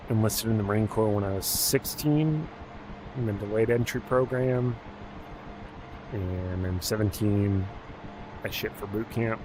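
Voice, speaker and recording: A man in his thirties talks in a low, easygoing voice, drifting from thought to thought with plenty of ums and restarts. A steady hum sits clearly under his speech. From Alaska. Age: 30s. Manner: rambling, laid-back, many fillers and restarts. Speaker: gaming streamer. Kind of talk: casual live-stream chat while playing.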